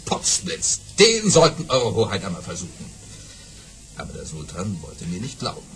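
An actor playing a boastful, excitable baron telling tall tales in a radio play, bombastic and repeating words for emphasis. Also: male voice, low-pitched, normal speed, loud music behind the voice. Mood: confidently bragging.

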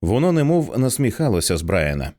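A man narrating an audiobook with an expressive, dramatic reading. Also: lowish voice, quick pace.

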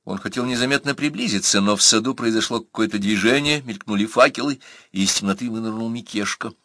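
A man narrates an audiobook in a bright, forceful voice that sits a little low for a man. The recording is close and dry, with no room sound around him. When the characters speak, he lifts his pitch and pushes his volume to act them out. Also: fast, dry recording. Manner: acts out characters with raised pitch and louder voice.

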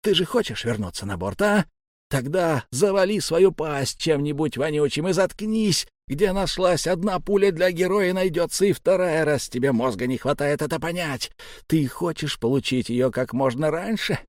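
A man voicing a rough, foul-mouthed sailor who hurls insults and threats, read for an audiobook. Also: fairly high pitch, expressive, moderate pace, dry recording, studio quality, voice pushed up, lightly acted. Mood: menacing. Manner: coarse, insulting, hissing threats.

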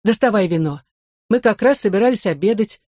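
A woman voicing a tearful, fussing older hostess with high, wailing exclamations in a storybook reading. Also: expressive, a little fast, mellow, dry recording, studio quality, lightly acted. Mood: effusive.

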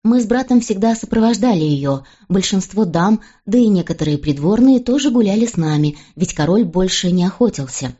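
A woman reading a novel aloud as an audiobook narrator, in a steady, even first-person storytelling voice. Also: mid-range voice, brisk, hardly any pauses, slightly rough, dull audio.

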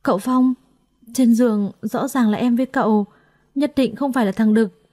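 A woman's voice: medium pitch, normal speed, dark tone, close to an everyday voice. A woman voicing a frightened young woman who pleads in a trembling, raised voice in a storybook reading. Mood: pleading.

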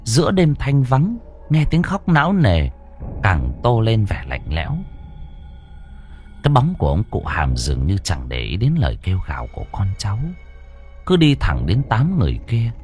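A man's voice: lowish voice, wildly swooping pitch, moderate pace, darkish tone, faint music behind. A man narrating a ghost story with dramatic, suspenseful delivery.

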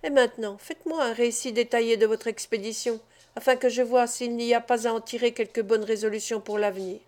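A woman's voice: on the high side, fairly even intonation, fairly quick, a little mellow, natural voice. A woman reading the part of a kindly, wise father speaking to his sons in an audiobook. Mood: approving. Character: kindly wise father, family head, gently teasing.

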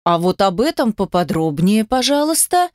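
A woman's voice: medium pitch, moderate pace, no room sound, studio quality, close to an everyday voice. A woman voicing a curious, teasing elderly woman in an audiobook. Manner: lively, teasing questions. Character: curious joking old granny, meddling and warm.

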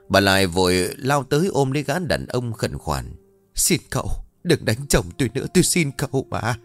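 Male storyteller, low and lively, ghost story narration over faint music.

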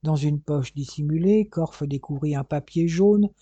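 A man reading an audiobook in a measured, steady way, with scripted narration, on a dull, lo-fi, dry recording. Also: on the high side, husky, dry recording. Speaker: audiobook reader. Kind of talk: scripted narration of a crime novel.

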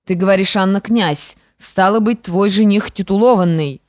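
A woman's voice: mid-range voice, normal speed, dry recording, studio quality, lightly acted. A woman voicing a scheming young widow, a stepmother who sounds falsely sweet and menacing. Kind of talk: audiobook character reading.

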